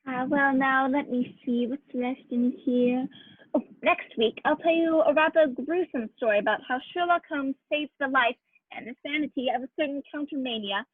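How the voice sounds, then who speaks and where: A woman acting as an earnest, loyal doctor sidekick in a vintage-style radio drama. The voice is high and proper, heard on thin, phone-like audio. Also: normal speed, husky, no echo. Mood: subdued. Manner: proper, earnest, old-fashioned exclamations. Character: earnest, indignant male doctor, the detective's loyal companion. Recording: tinny, phone-like, dry audio.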